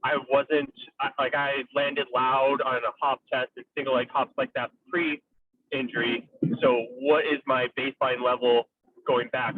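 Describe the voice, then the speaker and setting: A man's voice: medium pitch, slight background noise. A young man calling in over a car speakerphone while driving, asking a rambling casual question full of filler words. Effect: car speakerphone call. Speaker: caller. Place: in a moving car. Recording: tinny distant phone line.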